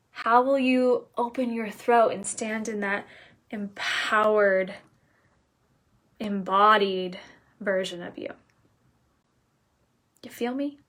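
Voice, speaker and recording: A woman coach giving a casual live talk, energetic and emphatic, dropping at times to soft, near-whispered lines. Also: medium pitch. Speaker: business coach.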